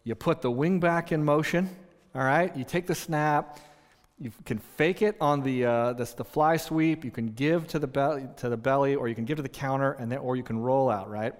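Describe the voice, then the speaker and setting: A pastor telling stories in a conversational sermon, with many restarts and an animated delivery. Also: male voice, mid-range voice, moderate pace. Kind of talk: sermon with storytelling. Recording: long reverb in a large hall.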